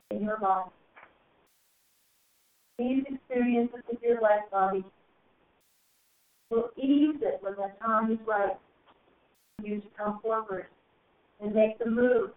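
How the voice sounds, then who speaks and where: Slow, solemn woman on a tinny phone line. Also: fairly high pitch. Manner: slow, solemn, drawn-out phrasing with soaring rises. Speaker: spiritual channeler. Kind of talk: channeled spiritual message to a group. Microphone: phone call.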